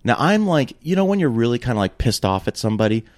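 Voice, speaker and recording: A man telling a story in casual chat, animated and swearing freely, his pitch jumping when he gets worked up. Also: fast.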